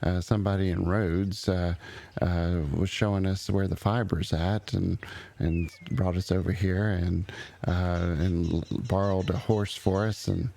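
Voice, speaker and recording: Low gravelly halting man. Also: little pitch movement, dark tone. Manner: halting, full of uh and um. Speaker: roleplay streamer playing an old relative. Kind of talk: in-character roleplay chat.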